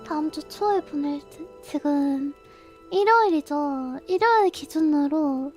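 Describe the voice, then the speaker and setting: A young woman streams in a very high, girlish voice with a cute anime-streamer sweetness. She chats casually with viewers at a slow, unhurried pace. Faint music plays behind her. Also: a little mellow. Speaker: live streamer signing off.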